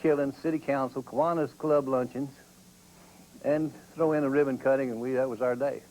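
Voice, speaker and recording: A man in a documentary interview telling stories from his years in television news, in a wry, lively way. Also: medium pitch, fairly quick, a little hiss or hum, rough recording. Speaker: former TV newsman. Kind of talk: documentary interview, recalling the past.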